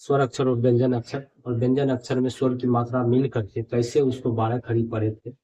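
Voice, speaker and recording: A man teaching at a board, reading each word aloud twice in a drawn-out, emphatic way. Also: medium pitch, flat delivery, warm tone. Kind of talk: board lesson, reading words aloud slowly. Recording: dull lo-fi audio.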